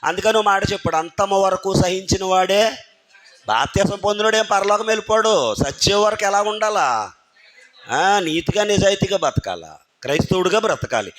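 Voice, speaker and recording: A man's voice: high-pitched, animated, normal speed, a bit bright. A man preaching a sermon in a church, firing rhetorical questions at the congregation and urging them to think carefully. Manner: keeps firing rhetorical questions at the congregation and calling on listeners by name. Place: church hall.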